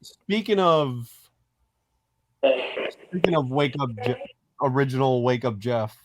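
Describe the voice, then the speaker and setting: A man's voice: medium pitch, background noise. A man co-hosting a casual fan podcast, talking in a rambling, hesitant way with many restarts. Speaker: podcast co-host.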